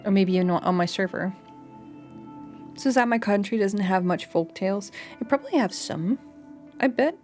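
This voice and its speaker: A young Danish streamer rambles casually with her live chat, full of fillers and restarts. She speaks English with a light Danish tinge mixed with other English accents, in a lowish, slightly mellow voice.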